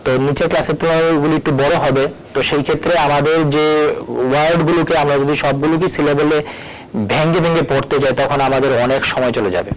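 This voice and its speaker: A man's voice: fairly high pitch, steady tone, fast talker, a little hiss or hum, poor audio. Man teaching spelling out words. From Tripura, India. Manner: spells words letter by letter, switches between Bengali and English. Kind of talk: recorded board lesson. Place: at a board, erasing and writing.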